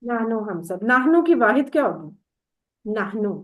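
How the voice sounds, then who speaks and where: A woman's voice: a little high, sing-song, measured pace, phone-quality sound. A woman teaching an online class, patiently explaining step by step and quizzing her students.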